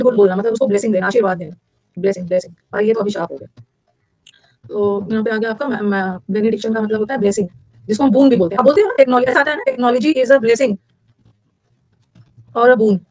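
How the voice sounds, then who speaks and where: A woman's voice: a little high, darkish tone, no echo, lo-fi sound. A woman with an Indian accent teaching a vocabulary lesson, chatty, repeating key words and putting questions to her students. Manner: repeats key words, mixes English into Hindi; chatty, asks the class questions. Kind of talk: online exam-prep vocabulary lesson.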